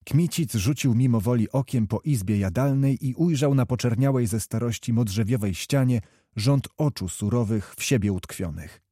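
Dark-voiced male audiobook narrator. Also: mid-range voice, normal speed, dry recording, studio quality. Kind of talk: scripted narration of a historical novel.

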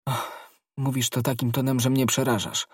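A man's voice: medium pitch, normal speed, husky, no echo, clean studio sound, voice pushed up, close to an everyday voice. A man voicing an anxious young woman. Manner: pleading, fearful.

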